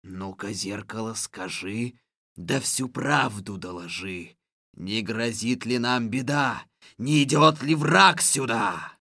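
A woman voicing a menacing, domineering old sorcerer king in a storybook reading, with a drawn-out, commanding delivery. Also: deep voice, animated, vocal fry, pushed and bright, dry recording, clean studio sound, voice pushed down, exaggerated voice. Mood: coaxing.

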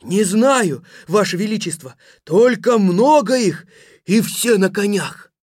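A woman's voice: medium pitch, lively intonation, slow, darkish tone, dry recording, clean studio sound. A woman voicing an anxious male sentry bringing urgent news in a storybook reading. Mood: alarmed.

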